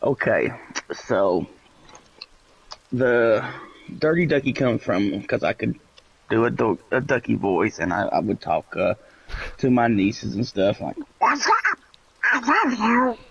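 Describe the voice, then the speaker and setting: A man from Tennessee, chatting casually as an interview guest, laid-back and quick to chuckle. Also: on the low side, expressive, gravelly, husky. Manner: laid-back, chuckles often, repeats phrases. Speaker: guest gamer. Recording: dull lo-fi voice chat audio.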